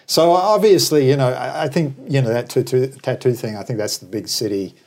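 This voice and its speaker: Speaking brisk and slightly mellow from a mid-range register, a man from New Zealand who later settled in Australia gives conversational interview commentary. He's a guest who operates a travel business, and he's discursive and opinionated, peppered with wry anecdotes.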